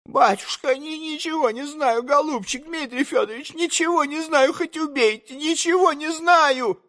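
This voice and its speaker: A man voicing a frightened young maid who pleads in a high, tearful falsetto, in a storybook reading. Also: normal speed, a bit bright. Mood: pleading.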